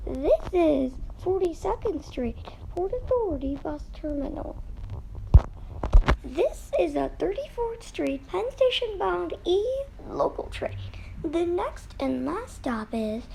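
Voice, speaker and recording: Measured American woman announcing over a noisy train intercom. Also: very high-pitched, big pitch swings, creaky, dark tone. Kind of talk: scripted automated transit announcement. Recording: noisy subway car intercom recording.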